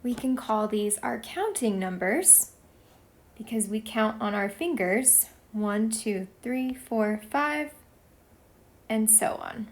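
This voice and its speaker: Over slight background noise, a Texan woman teacher narrates a whiteboard video lesson slowly and patiently, explaining each step. Her voice is on the high side and expressive, at a slow pace.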